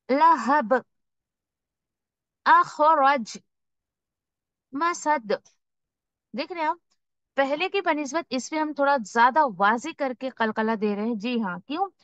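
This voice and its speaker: A woman teaching Quran recitation in an online lesson. She patiently explains each rule, then models every word slowly. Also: on the high side, a bit bright, no room sound, dull audio.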